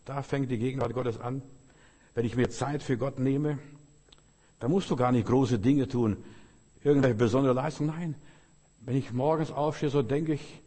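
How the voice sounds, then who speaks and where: German-speaking preacher, dark voice, echoing hall. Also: male voice, mid-range voice, fairly even intonation, moderate pace, pauses often. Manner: emphatic, repetitive preaching with quoted scripture. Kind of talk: sermon.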